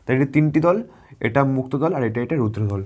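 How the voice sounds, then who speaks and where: A man's voice: mid-range voice, animated, a little mellow. Patient man teaching a grammar lesson. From West Bengal. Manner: patient, repeats words and asks students questions; drawn-out syllable-by-syllable pronunciation.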